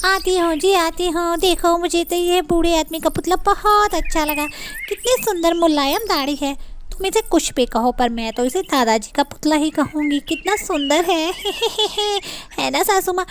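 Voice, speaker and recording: A naive young bride fresh from the village, voiced by a woman, speaking in a rustic, innocent, chatty way. The voice sits high and bright. It suits a cartoon moral story. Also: a little slow, a little hiss or hum.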